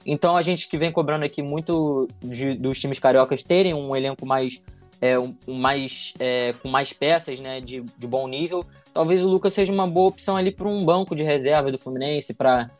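Brazilian man in halting sports chat, music behind. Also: medium pitch. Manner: halting, repeats words while thinking. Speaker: football panelist. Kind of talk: conversational sports analysis.

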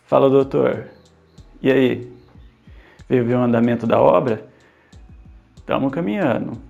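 A man voicing a cocky, rough bricklayer who talks down with swagger. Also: mid-range voice, moderate pace, a little mellow, dull audio, faint music behind, lightly acted. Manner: swaggering, condescending.

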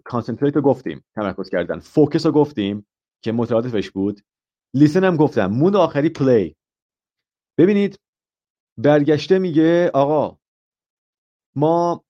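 Guy teaching ielts live, kinda dull muffled stream audio, quizzes the class, tosses in english examples. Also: mid-range voice. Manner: asks the class questions and explains step by step; mixes English example phrases into his explanations. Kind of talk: live online grammar lesson.

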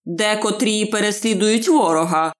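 A calm old wizard, as a woman reads him. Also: mid-range voice, moderate pace, close to an everyday voice. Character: calm old male wizard, wise and reassuring.

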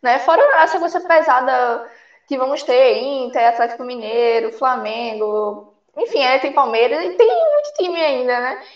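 Woman caller, high voice, anxious rambling chat, echoey muffled line. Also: expressive, normal speed. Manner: rambling, anxious, filler-heavy. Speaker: fan calling in to a sports show. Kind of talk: casual call-in chat.

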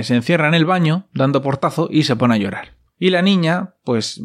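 A young man, recapping a series casually with wry, ironic asides. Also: mid-range voice. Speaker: host.

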